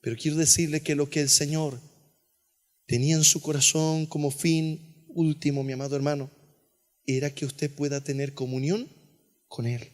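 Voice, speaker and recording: A male pastor preaching an earnest sermon, dropping to a hush on key phrases. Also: on the high side, little pitch movement, moderate pace. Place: church sanctuary. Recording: long church reverb.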